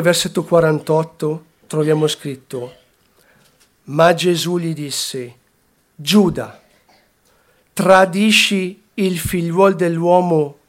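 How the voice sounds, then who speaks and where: A man preaching a sermon, slowly and deliberately, repeating phrases and swinging between hushed and raised delivery. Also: fairly high pitch.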